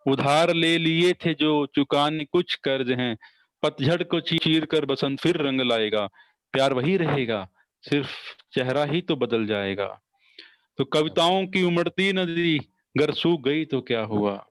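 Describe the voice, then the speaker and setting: A man's voice: fairly high pitch, expressive, no echo, poor audio. Man reciting poetry over a choppy call. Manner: slow recitation, repeats each line twice. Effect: breaking up over a bad internet connection. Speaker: poet. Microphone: video call.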